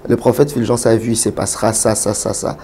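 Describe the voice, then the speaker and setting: A man from Kinshasa, a pastor and prophet, answering interview questions in a measured way with many hesitations. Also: lowish voice, fairly even intonation, dark tone, breathy edge. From Congo (Kinshasa).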